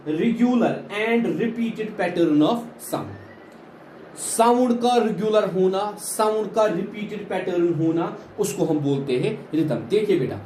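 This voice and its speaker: Male teacher, higher register, very expressive pitch, slow deliberate lecture delivery, echoey room. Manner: explains in Hindi, slowly repeats English definitions, often says "ठीक है बेटा". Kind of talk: classroom poetry lecture. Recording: echoey room with faint background noise.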